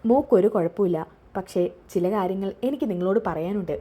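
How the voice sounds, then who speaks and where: A woman voicing a calm, earnest woman doctor who breaks hard news in a measured way. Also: medium pitch, close to an everyday voice. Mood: grave. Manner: measured, reassuring.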